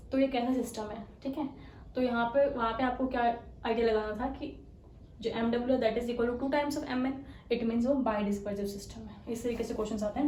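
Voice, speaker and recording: A woman with a fairly high, mellow voice teaches a chemistry exam-prep class, working through each step and checking in with rhetorical questions. She slips English technical terms into her explanations. The recording sounds roomy and a little distant from the mic. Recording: echoey room, voice a bit off-mic, faint hiss.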